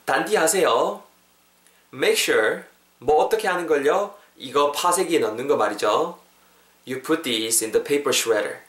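Lively man teaching English phrases. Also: fairly high pitch, echoey room. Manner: energetic, drills phrases slowly and repeats them for learners. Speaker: English teacher, podcast host. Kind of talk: podcast English lesson.

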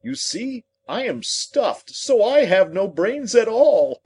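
A man voicing a friendly, brainless straw-stuffed scarecrow from a storybook, with a husky voice and a polite, earnest manner. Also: very animated, slow, darkish tone, exaggerated voice. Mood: sad, hopeful. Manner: polite, earnest, wide swoops in pitch. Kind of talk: storybook character voice.

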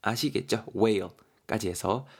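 A man's voice: fairly low pitch, extremely slow, creaky, breathy edge. A man, teaching English vocabulary in a playful, jokey online lesson.

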